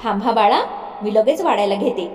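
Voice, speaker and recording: A woman's voice: medium pitch, lively intonation, brisk, a little mellow, lightly acted. A woman playing a fussing motherly aunt. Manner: fussing, affectionate. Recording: roomy reverb, faint music.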